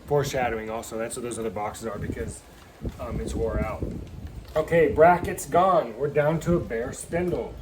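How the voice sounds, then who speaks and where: Amid the noise of his workshop, a man with a mid-range, slightly mellow voice explains a brake swap at normal speed. His hands-on how-to is loose and rambling, full of jokes, and he refers to his viewers as kids.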